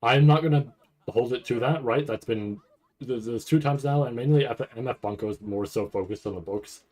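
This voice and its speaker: A mid-range, slightly mellow male voice moves at a moderate clip through casual livestream chat. The host is reacting to an anime event, rambling loosely and sometimes cursing as he thinks aloud.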